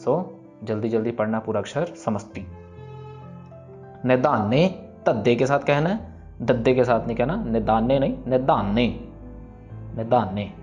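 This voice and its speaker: A man teaching scripture pronunciation, explaining briskly and then reciting each verse slowly and evenly. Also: mid-range voice, lively intonation. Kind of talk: pronunciation lesson with slow recitation. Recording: slightly dull recording, soft background music.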